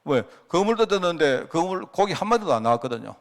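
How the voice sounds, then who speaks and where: Male pastor, Gyeongsang Korean accent, middle-aged, chatty storytelling sermon, somewhat high voice. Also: big pitch swings, fast. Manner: chatty storytelling with frequent asides to the congregation. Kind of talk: conversational Friday prayer-meeting sermon.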